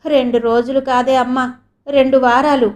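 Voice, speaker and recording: A woman's voice: sits high, flat delivery, moderate pace, darkish tone, natural voice. A woman reading an audio novel voices a loving old grandmother who fusses over her granddaughter tenderly. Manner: tender, fussing, affectionate.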